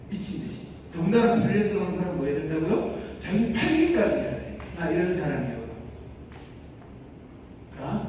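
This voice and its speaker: A man giving a lively lecture to trainee instructors, questioning the audience and shifting his loudness for emphasis. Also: high-pitched, slight background noise. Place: large lecture hall. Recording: echoey lecture hall, mic at a distance.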